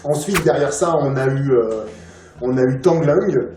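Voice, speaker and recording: A man's voice: medium pitch, unhurried, noisy background. A man speaking as an interview guest in a casual chat, rambling with many filler sounds and restarts. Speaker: interview guest, film collector. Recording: roomy, distant mic, music behind.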